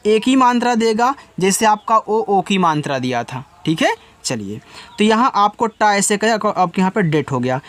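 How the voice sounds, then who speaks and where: A man giving a slow reading lesson, spelling each word letter by letter and repeating its meaning. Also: high-pitched. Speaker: English tutor.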